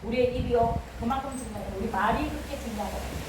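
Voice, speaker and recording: A woman's voice: fairly high pitch, quick pace. A woman pastor preaching a sermon with fervent, rising exhortations. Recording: echoey hall from far off, light noise.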